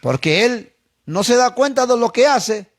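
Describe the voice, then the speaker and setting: A man preaching a sermon as pastor, telling a personal story and addressing his listeners as brothers, dropping low and then rising to emphatic repeated questions. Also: expressive, a little slow.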